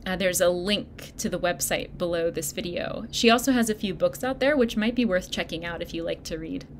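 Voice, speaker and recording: A woman pastor giving a sermon, speaking in a gentle, encouraging way straight to her listeners. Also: fairly low pitch, brisk, a little hiss or hum. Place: church video recording.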